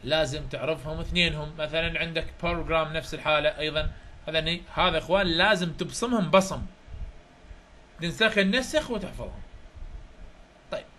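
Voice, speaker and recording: Iraqi-accented male tutor, high, bright and sharp tone, reviews grammar through examples, quizzes his class often. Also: brisk, long pauses, slight background noise. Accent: Iraqi Arabic. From Iraq. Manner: explains through examples, often checks if students follow. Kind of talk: chapter review lecture.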